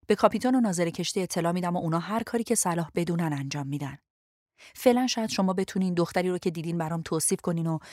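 Lady reading a tired polite ship officer guy, calm and firm, lowish, dry close mic. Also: dry recording, lightly acted. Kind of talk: audiobook reading.

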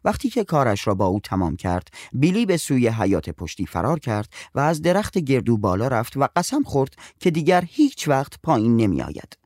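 A man narrating a story in an expressive, storytelling manner. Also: mid-range voice, few pauses, dry recording.

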